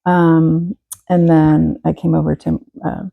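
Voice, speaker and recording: A woman in her forties from Texas, a guest telling her story in a relaxed interview, pausing often and restarting. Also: low voice, vocal fry, narrow, tinny audio. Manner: hesitant, many fillers and restarts. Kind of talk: casual interview.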